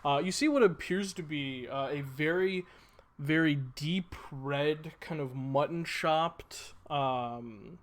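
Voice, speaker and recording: A man working as game master, improvising descriptive narration in a halting, casual way. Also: fairly high pitch.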